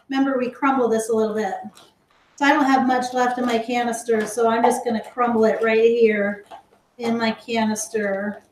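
A woman with a high, slightly mellow voice teaches a live online cooking class for kids from her home kitchen, in an echoey room. Chatty and slow, she explains each step and talks to her viewers, calling them guys.

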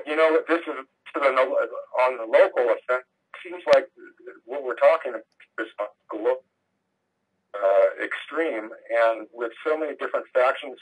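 A man's voice: medium pitch, husky. Man on a crackly, cutting-out phone line. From northern California. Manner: halting, searching for words. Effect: crackly phone line that keeps cutting in and out. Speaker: caller. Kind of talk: call-in question on a radio show.

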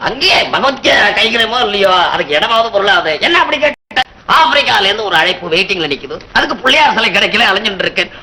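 A boastful priest astrologer who rambles on with sing-song swagger. The tone is piercing and high, carrying a Tamil Brahmin lilt. It sounds like an older Tamil film comedy scene. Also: male voice, animated, fast, bright, forceful tone, exaggerated voice, low-quality recording. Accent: Tamil Brahmin dialect. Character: boastful fast-talking Brahmin priest astrologer, middle-aged man.

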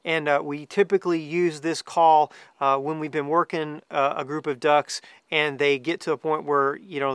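Brief: male instructor, forties, from the US, slightly high smooth voice, relaxed explanatory delivery to camera. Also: no room sound. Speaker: duck hunting guide and calling instructor. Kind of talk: informal instructional talk to camera. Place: outdoors among trees, seated.

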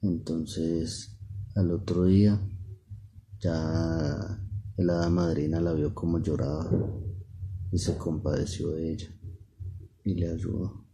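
Man, father, bedtime story, low voice, soft and unhurried, repetitive telling, at home. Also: level tone, a little hiss or hum. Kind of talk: bedtime story told to a child.

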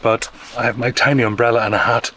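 A man narrates a casual travel vlog in a chatty, wry and upbeat way, filming on a camera held at arm's length outdoors in the rain and inside a campervan. His medium-pitched voice is fast, pushed and bright, with fairly even intonation. Music plays underneath, along with a little hiss or hum.

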